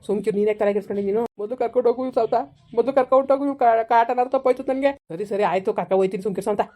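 In a village comedy skit, a woman with a medium-pitched, steady, dark, natural voice plays an older rustic village man. He's a boastful failed candidate, scolding away in fast rustic banter.

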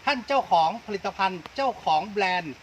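High-pitched man announcing formally. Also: animated, fairly quick, slight background noise, rough recording. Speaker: channel host. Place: outdoors in a coconut orchard.

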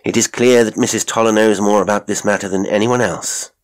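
A man voicing a sharp, commanding male detective in an audiobook, with a brisk, authoritative manner. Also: lowish voice, steady tone, pitched above the performer's own voice, lightly acted. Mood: probing. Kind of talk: audiobook character acting.

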